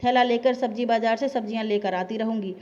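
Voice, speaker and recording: A woman's voice: a little high, fairly even intonation, quick pace, warm tone, highs cut off, natural voice. A woman voicing a hard-working young wife who firmly stands up for herself to her family. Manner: firm, reasoning.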